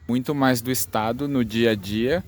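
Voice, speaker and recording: A man's voice: mid-range voice, normal speed, slight background noise. A man answering street interview questions with short, hesitant replies.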